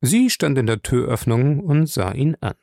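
A male audiobook narrator with a gravelly voice, reading in a steady storytelling way. The sound is dry and close, with no room around it. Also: medium pitch, normal speed, no room sound. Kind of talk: scripted narration.

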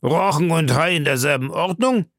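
A man reading an audiobook, voicing a blunt, hearty harpooner with a gravelly voice. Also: on the high side, normal speed, a bit bright, no echo, studio quality, pitched above the performer's own voice. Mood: gruff. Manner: blunt, impatient retorts. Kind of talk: audiobook character voice.

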